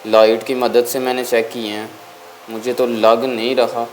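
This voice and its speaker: A man's voice: mid-range voice, level tone, moderate pace, darkish tone, slight background noise. A man casually chatting to his viewers while tending his pet birds at home, talking to them and coaxing them along. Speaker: bird-keeping vlogger. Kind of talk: casual vlog chat. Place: at home, among bird cages.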